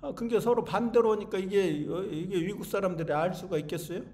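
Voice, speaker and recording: A man's voice: sits high, fairly quick, darkish tone. A man giving an informal spoken lecture, asking questions and answering them himself, with frequent "eh?" tags to the listeners. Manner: keeps tossing in rhetorical tags like "eh?" to the audience.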